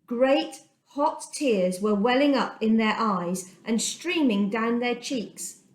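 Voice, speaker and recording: In an echoey room, a woman with a slightly high, expressive voice narrates a children's Bible story, delivering it with deliberate, dramatic phrasing and emphasis.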